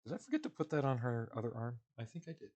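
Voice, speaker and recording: A man live streaming from home while building a model kit, chatting casually with viewers in a rambling, relaxed way with fillers and chuckles. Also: mid-range voice, very fast, muffled recording.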